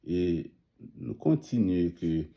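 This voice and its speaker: Slow, deep-voiced man preaching. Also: sing-song, creaky, mellow. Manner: halting, with pauses and restarts. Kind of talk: sermon.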